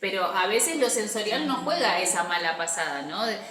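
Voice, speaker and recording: A woman's voice: mid-range voice, expressive, moderate pace, sharp tone. Woman commenting in an echoey room. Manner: adds brief comments and echoes the reader's words. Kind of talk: Bible study discussion.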